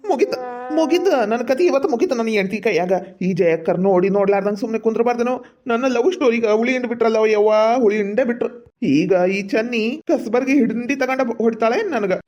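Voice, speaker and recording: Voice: medium pitch, fast talker, muffled recording, a crowd in the background, lightly acted. A performer with a North Karnataka accent playing a worried village husband who mutters fretfully to himself. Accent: North Karnataka Kannada. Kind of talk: comedy skit acting.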